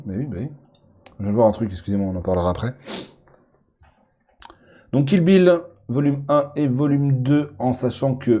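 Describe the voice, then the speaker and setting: Rambling man with a dark voice. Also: fairly low pitch. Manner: rambling, self-correcting with many fillers and repeated words. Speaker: film YouTuber ranking movies. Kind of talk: casual chat.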